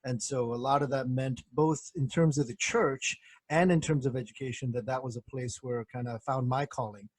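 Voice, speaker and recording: A middle-aged man, born in Korea, answering interview questions as a professor and former pastor in a measured, reflective way. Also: medium pitch, no echo. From born in Korea, grew up in the United States. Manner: measured, reflective, many soft fillers.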